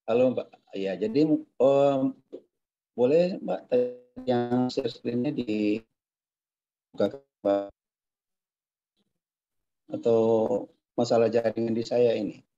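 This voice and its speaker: A man's voice: mid-range voice, slow, long pauses, warm tone, faint music behind. A man presenting as a company's general manager over a video call, his voice choppy and breaking up on a bad internet connection, losing his thread as it cuts out. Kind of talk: business presentation on an online meeting. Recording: dull, lo-fi video call audio with dropouts.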